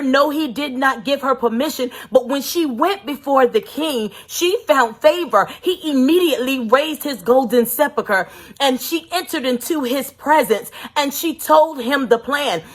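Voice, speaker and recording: A woman preaching with a high, husky voice that stays breathy even when she presses a point. She retells scripture in an emphatic sermon and asks her listeners rhetorical questions. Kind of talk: sermon storytelling.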